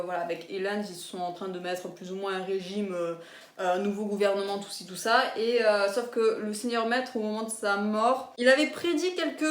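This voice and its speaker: Chatty young woman in a roomy echo. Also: mid-range voice. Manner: chatty and enthusiastic, many fillers and giggles. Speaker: booktuber. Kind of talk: casual book haul chat.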